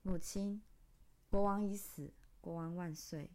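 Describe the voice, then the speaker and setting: A woman giving a dramatic reading of a stage text, in short broken phrases and long run-on lists. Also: fairly even intonation. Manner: intense, halting delivery in short broken phrases; long breathless list, spoken low and soft.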